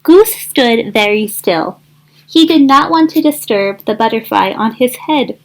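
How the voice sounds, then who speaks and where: A school counselor reads a picture book aloud to children, her delivery encouraging and expressive. Her voice is a little high and her pace a little slow. The recording quality is rough.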